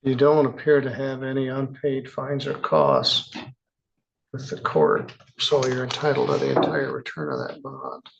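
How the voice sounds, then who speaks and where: Man, judge on the bench; gravelly, unhurried, plainspoken, recorded on dull courtroom audio. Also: medium pitch, animated. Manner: measured, plainspoken, chatty asides. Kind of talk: courtroom proceedings.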